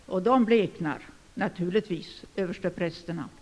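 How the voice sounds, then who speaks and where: An older man preaching a sermon, speaking emphatically and rising to sudden loud declarations. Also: high voice, breathy edge. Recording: long hall reverb.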